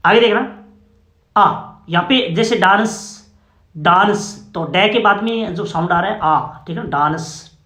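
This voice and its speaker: A man with a high, light voice teaches a classroom phonetics lesson. He goes step by step and keeps checking that his listeners follow. The sound carries a noticeable echo from the room. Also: takes it slowly, pushed and bright. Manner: explains step by step with frequent "okay?" checks.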